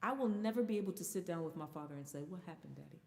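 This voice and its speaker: A woman's voice: fairly low pitch, very fast, creaky. Candid woman in her thirties, reverberant. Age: 30s. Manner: candid, animated storytelling. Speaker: guest singer. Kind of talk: casual chat.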